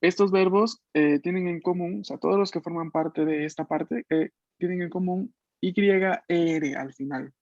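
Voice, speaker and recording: A man leads an online French lesson, explaining pronunciation patiently and pronouncing each form slowly. His voice sits a little high. The call audio is dull and dry. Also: steady tone, a little mellow, dry recording. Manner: patient, explains slowly, models French words at a deliberate pace. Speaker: French teacher. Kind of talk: online language class. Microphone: video call.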